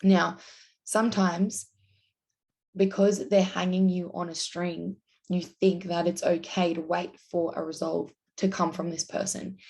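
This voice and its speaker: A woman's voice: fairly low pitch, creaky, dark tone. A young woman casually explaining a self-help topic to her viewers, often slipping into the voices of the people she quotes. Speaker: self-help video host. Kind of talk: explaining to camera.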